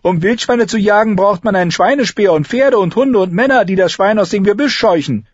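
A man's voice: high voice, lively intonation, fast talker, breathy edge, dry recording, highs cut off, voice pushed up. A man voicing a fierce, scrappy young girl with scornful, cutting retorts.

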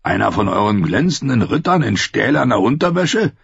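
Male reader doing a jovial, booming wildling brute, husky and lively, dull dry audiobook sound. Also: moderate pace, no echo, exaggerated voice. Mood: roaring jovial. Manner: booming, laughing, mocking. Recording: muffled lo-fi recording.

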